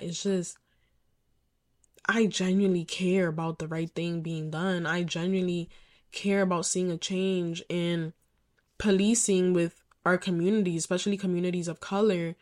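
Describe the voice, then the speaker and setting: A woman's voice: fairly low pitch, fairly even intonation, moderate pace. Candid young woman telling her story. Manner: candid, emphatic, frequent swearing. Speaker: podcast host. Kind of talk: personal storytelling.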